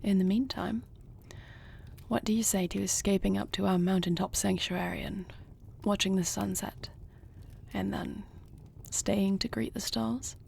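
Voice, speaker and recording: A woman gives tender, wistful lines as a noble, devoted warrior queen in an intimate fantasy audio roleplay, her voice husky and breathy and her phrasing formal, earnest, and measured. She speaks at medium pitch with fairly even intonation and a slightly mellow tone, over a little hiss or hum.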